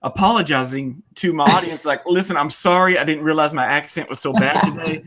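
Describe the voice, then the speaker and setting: A man with a Southern US accent hosts a casual interview over a video call; he's an interview host and video maker who is folksy, jokey, and laughs a lot. His voice is a little high and fairly bright, and he talks a little fast.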